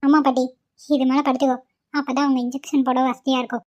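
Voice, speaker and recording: A woman voicing a calm, reassuring female doctor in a cartoon, speaking quietly. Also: high-pitched, fast, natural voice. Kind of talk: cartoon voice acting. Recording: muffled lo-fi recording.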